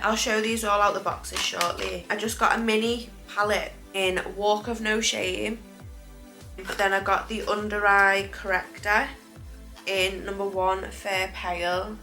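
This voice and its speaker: Chatting to camera about makeup, this British beauty vlogger rambles and corrects herself, her words slightly hampered by recent dental work. She has a mid-range, bright voice with a forceful tone.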